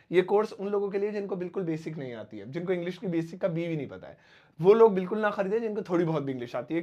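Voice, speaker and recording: A man from India teaching English phrases in a lively, chatty way, repeating each English phrase slowly word by word. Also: a little high. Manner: chatty asides to students. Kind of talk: Hindi-language English lesson.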